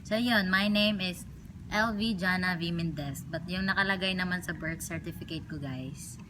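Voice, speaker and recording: A young woman from the Philippines whose first language is Cebuano, chatting playfully in a vlog with a deep voice for a woman. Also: normal speed, noisy background. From Cagayan de Oro, Philippines. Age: young adult. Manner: chatty and playful, mixing Tagalog and English. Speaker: vlogger. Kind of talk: casual vlog chat.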